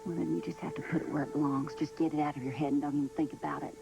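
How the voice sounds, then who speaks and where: A woman's voice: low-pitched, fairly even intonation, racing, gravelly, low-quality recording. A soothing homespun mother. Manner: soothing, homespun, soft-spoken. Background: faint background music.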